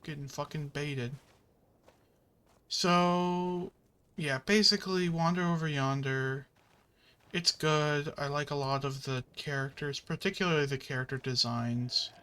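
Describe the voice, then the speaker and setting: A man's voice: fairly high pitch, fairly even intonation, unhurried, pushed and bright, smooth. A man chatting casually while playing a video game, rambling with many fillers and the odd curse at the game. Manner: swears at the game. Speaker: gaming channel host.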